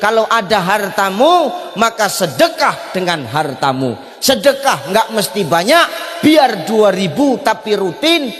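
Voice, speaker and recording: High-voiced joking preacher in a reverberant hall. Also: male voice, a little slow. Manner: animated, joking, questions the audience. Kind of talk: humorous sermon.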